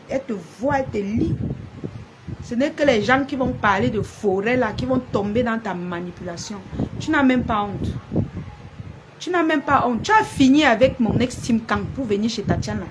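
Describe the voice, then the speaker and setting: Woman ranting, scolding on a noisy stream. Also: a little high. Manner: confrontational, repetitive, scolding. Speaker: blogger. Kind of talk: live-stream rant to viewers. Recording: noisy background.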